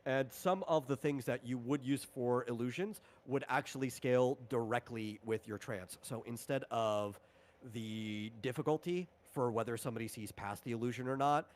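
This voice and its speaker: This man runs a tabletop game and casually explains how it's played, pausing and restating things as he goes. His pitch is medium.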